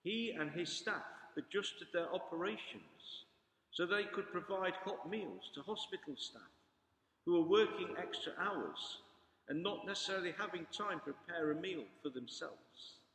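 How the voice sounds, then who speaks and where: A man giving a Gospel reading and homily as a priest, in a solemn, measured and formal pulpit manner. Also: sits high, lively intonation, a bit bright. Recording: echoey hall with long reverb.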